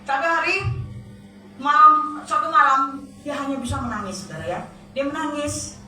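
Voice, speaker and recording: A woman's voice: high voice, big pitch swings, normal speed, bright, forceful tone, slight background noise. A woman preacher telling a story in a sermon, often turning to address her congregation directly. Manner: storytelling, often addressing listeners as brothers and sisters. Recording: echoey hall, distant mic, faint music.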